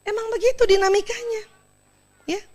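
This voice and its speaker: A woman speaker at an Islamic study session, giving an expressive talk to women listeners, laughing often and speaking to them directly. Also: extremely high pitch, normal speed. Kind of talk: lively talk to an audience of women.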